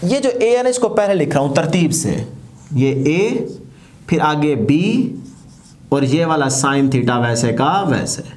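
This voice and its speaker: Male teacher with a slightly high voice, lecturing step by step and quizzing the class. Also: lively intonation, slow pace, darkish tone. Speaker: physics teacher.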